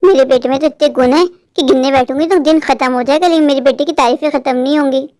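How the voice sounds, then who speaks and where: Lady doing a doting cartoon mom bird, fussy and affectionate, really high voice, dry sound. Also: quick pace, a little mellow, no echo, lightly acted. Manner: fussing, affectionate. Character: doting middle-aged mother bird, fearful of loneliness. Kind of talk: cartoon voice acting.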